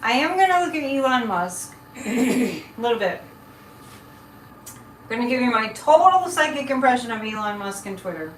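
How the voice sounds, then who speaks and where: A woman's voice: a little high, very animated, normal speed, long pauses. A woman hosting a casual live psychic chat, rambling and breaking off mid-thought as she talks to viewers. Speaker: live show host and psychic. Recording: echoey room, distant mic, faint noise.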